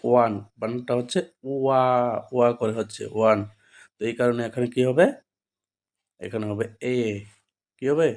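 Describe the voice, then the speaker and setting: A man with a Bengali accent, at a middle pitch for a man, leads a grammar lesson in a steady classroom manner. He goes over each rule several times and breaks it up with quick checking questions to his students. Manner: repetitive, checks understanding with frequent rhetorical questions. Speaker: English grammar teacher.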